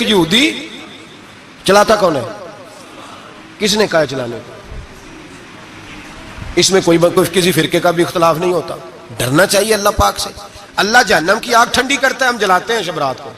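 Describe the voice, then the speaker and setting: A man preaching a sermon, animated and firing rhetorical questions at his audience. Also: high-pitched, pauses often.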